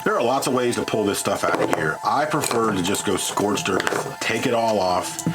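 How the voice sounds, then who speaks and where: A man with a lowish voice narrates at a moderate pace over loud music. He's the host of an electronics teardown channel, giving a casual hands-on tutorial that's informal, wryly self-mocking, and a bit crude.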